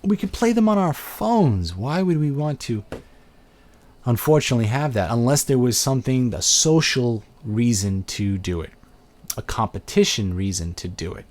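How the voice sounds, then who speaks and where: A middle-aged Brooklyn man with a New York accent hosts a live video chat, chatting casually on his webcam and answering viewer questions. His mid-range voice is animated and a little mellow, at a moderate pace. He's chatty and rambling, thinking aloud with lots of fillers.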